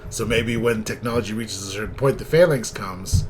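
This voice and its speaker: A man co-hosting a casual comic book discussion, relaxed, with frequent fillers and laughs. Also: lowish voice, fairly quick, a little hiss or hum. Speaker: comic book podcast co-host. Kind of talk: casual chat.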